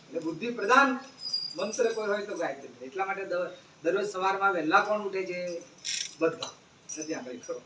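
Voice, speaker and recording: A man giving an animated moral talk to schoolchildren, often asking them questions. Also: sits high, fairly quick, background noise. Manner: animated, asks the children questions. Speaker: speaker addressing schoolchildren. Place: school gathering. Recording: echoey room, distant mic, faint ambience.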